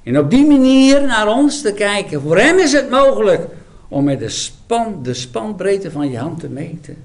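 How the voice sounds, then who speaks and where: Male preacher, dramatic storytelling sermon, emphatic delivery, high-pitched voice. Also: sing-song, moderate pace.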